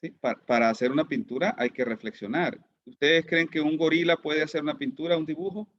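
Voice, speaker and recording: A man's voice: on the high side, steady tone, brisk, a bit bright, no echo, highs cut off. A man teaching an online class, who keeps asking his students questions and repeats words as he goes. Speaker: lecturer.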